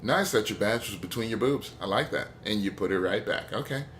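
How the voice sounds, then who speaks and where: A man's voice: on the low side, a little fast, a bit bright, slight background noise. A man giving rambling, opinionated and jokey gameplay commentary as a let's play host.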